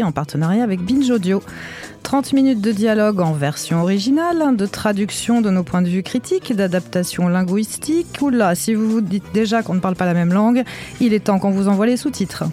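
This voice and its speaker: A woman hosts a podcast with a warm, mellow tone. She reads her introduction cleanly, then moves into interviewing guests. Her delivery is articulate and lightly playful. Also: medium pitch. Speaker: podcast host.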